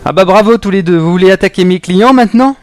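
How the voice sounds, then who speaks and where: A man voicing a loud, gruff male bar owner in an audio drama, shouting in exasperation. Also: sits high, steady tone, a little fast, faint music behind, voice pushed up, lightly acted. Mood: exasperated.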